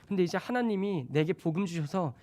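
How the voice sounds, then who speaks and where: High-voiced emphatic male preacher. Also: animated, a little fast. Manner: emphatic, swings between loud urgent and soft hushed. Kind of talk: sermon.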